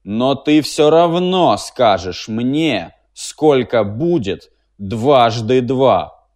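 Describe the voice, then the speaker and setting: A man voicing a stubborn, dim-witted giant female machine, speaking slowly and insistently. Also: animated, darkish tone. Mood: stubborn, menacing. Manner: slow, booming, insistent.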